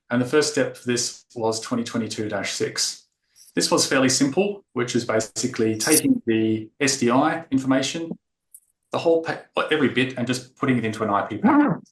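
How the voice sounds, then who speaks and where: A man from Australia giving a technical conference presentation, explaining with frequent fillers. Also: medium pitch. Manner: explanatory, filler-heavy delivery. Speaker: tech talk presenter. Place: conference room. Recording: echoey conference room.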